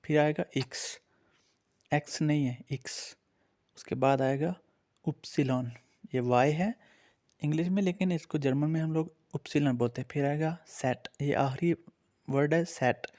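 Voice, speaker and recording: A man's voice: a little high, normal speed, darkish tone. A man with an Urdu-influenced accent teaching a beginners' language lesson, patiently naming and repeating each letter for his learners.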